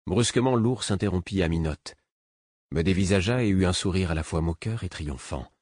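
A man reading a novel aloud as first-person narrator, in a measured, even storytelling manner. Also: deep voice, no echo, clean studio sound. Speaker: audiobook narrator.

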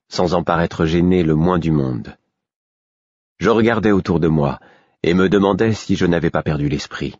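Deep husky male audiobook narrator. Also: no room sound. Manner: measured, even reading. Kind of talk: scripted first-person literary narration. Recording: dull, dry lo-fi recording.

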